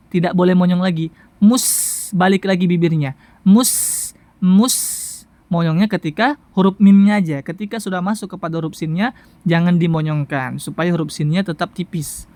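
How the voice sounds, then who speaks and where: A Quran recitation teacher giving a tajwid lesson, patiently repeating syllables slowly for the listener to practice. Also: medium pitch, mellow, dry recording. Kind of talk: tajwid lesson with sound drills.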